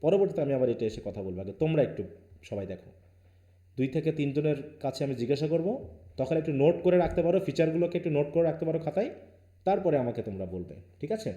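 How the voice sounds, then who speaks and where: Guy from bangladesh teaching an online class, pushes students with questions, bit high voice, echoey room. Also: sing-song, rapid-fire, warm tone, highs cut off. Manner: firm, questioning, mixes Bengali with English. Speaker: university English teacher. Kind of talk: live online class lecture.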